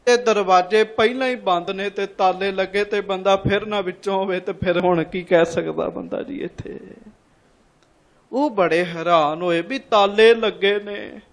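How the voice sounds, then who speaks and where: A man with a high voice delivers a storytelling sermon. He repeats his lines, asks the congregation questions and calls on them to answer back. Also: fairly even intonation, normal speed. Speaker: preacher.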